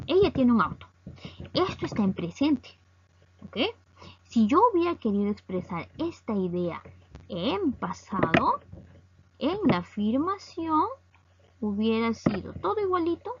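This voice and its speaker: A woman teaching English grammar step by step. She reads example sentences slowly and keeps checking in with her students. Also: mid-range voice, creaky, lo-fi sound, very noisy. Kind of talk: recorded classroom lesson explaining grammar.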